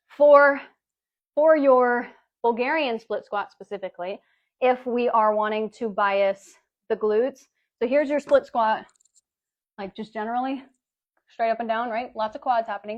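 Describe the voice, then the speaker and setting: A woman fitness coach runs a casual live workout demo, chatty and breezy, calling her viewers "baby" and "girlies." Her voice is on the high side at normal speed with long pauses, and the livestream audio is dull and lo-fi.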